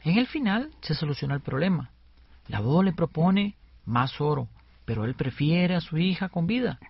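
Male co-host, gravelly and husky, radio lesson. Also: a little high, very animated, moderate pace, dry recording. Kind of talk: scripted educational radio. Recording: dull lo-fi radio recording.

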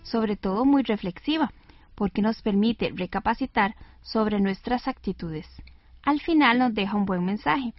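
A woman hosting a scripted educational radio lesson in a clear, didactic way, on a dull lo-fi recording. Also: medium pitch, measured pace, dry recording, faint music behind.

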